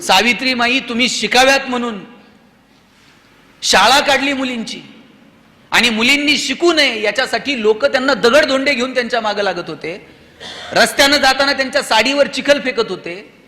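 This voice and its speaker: A man with a Marathi accent addresses students in a motivational speech, leaning on rhetorical questions and lively storytelling. His voice sits high and sounds bright and forceful. The recording carries the long reverb of a large hall. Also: moderate pace. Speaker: motivational speaker. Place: auditorium.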